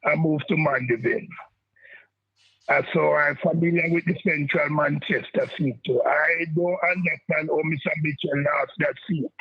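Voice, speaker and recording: A Jamaican man calling in to a radio show, speaking in a husky, even voice. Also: a little high, normal speed. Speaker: caller. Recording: muffled phone call into radio.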